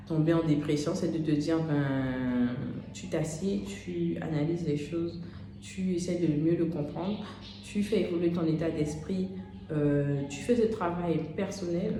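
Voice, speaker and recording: A woman in her thirties with a low voice gives a motivational coaching talk, speaking straight to the listener with frequent hesitant pauses. The room rings with heavy echo. A steady hiss of background noise sits under her voice. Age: 30s. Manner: unscripted, addresses listener as "tu", many "euh" pauses. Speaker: life coach.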